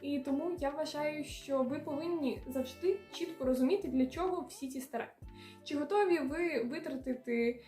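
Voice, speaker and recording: A woman's voice: sits high, normal speed, dark tone, echoey room, faint music behind. A young woman from Ukraine, a student vlogger giving earnest, direct study advice. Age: young adult. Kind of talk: advice vlog.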